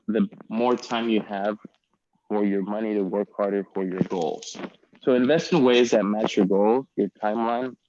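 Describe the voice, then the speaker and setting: A man giving an online financial seminar, his audio crackling and cutting in and out as he talks with halting fillers. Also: on the low side, a little mellow. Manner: halting, with frequent fillers and restarts. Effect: crackling, cutting-out mic audio. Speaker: financial presenter. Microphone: earpiece headset on a video call. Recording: crackly dull video-call audio.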